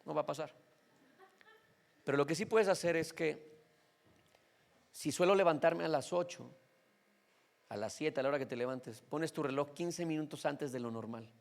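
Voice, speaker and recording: A man's voice: fairly high pitch, normal speed, vocal fry, pauses often. A male pastor with a Mexican Spanish accent, preaching a sermon in a conversational way and often checking in with his listeners.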